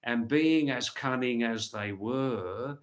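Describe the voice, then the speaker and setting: A man's voice: mid-range voice, takes it slowly. A man hosting a casual livestream, chatting to viewers in a rambling way and repeating words and phrases for emphasis. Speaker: livestream host.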